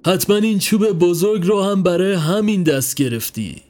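A man voicing a kindly older man who keeps a basket of rabbits, asking slow, teasing, coaxing questions. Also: high voice, expressive, a little mellow, pitched above the performer's own voice.

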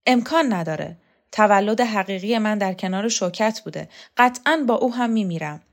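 A woman reader voicing a blunt, stubborn man with a hoarse voice, fiercely loyal to his leader. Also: medium pitch, lightly acted. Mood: defiant. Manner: blunt, defiant.

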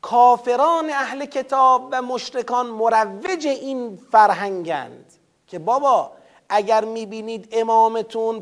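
A man with a strikingly high voice lectures on scripture. He recites verses in Arabic, then unpacks them with questions he answers himself. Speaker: Quran commentary teacher.

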